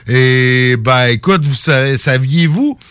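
Hesitant Québécois radio host, dry sound. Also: male voice, mid-range voice, takes it slowly, a bit bright, clear, resonant tone, dry recording. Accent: Québécois French. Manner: hesitant, many filler ums. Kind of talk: casual radio chat, reading local news.

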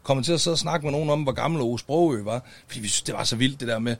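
A man in his forties co-hosting a casual podcast, blunt and swearing freely as he tells anecdotes. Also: medium pitch. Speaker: podcast co-host.

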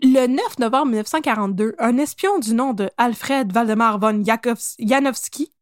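A woman with a Québécois accent narrates a history story on a podcast, her voice high and bright. She keeps it playful and casual, laughing and correcting herself along the way. The sound is dry and close, with no room behind her. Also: animated, normal speed, no room sound. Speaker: podcast co-host.

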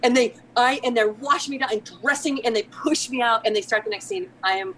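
A middle-aged woman, a podcast guest, telling an animated story with laughter and acted-out quotes. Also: a little high, quick pace, very noisy. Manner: lively, laughing, acts out quoted lines. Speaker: podcast guest, theater artistic director.

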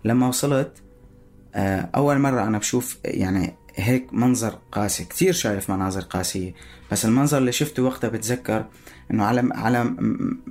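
رجل بلهجة سورية يروي شهادته بتردد. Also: male voice, fairly low pitch, a little mellow. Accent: Syrian Arabic. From Syria. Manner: halting, searching for words. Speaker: witness giving testimony. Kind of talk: personal spoken testimony.

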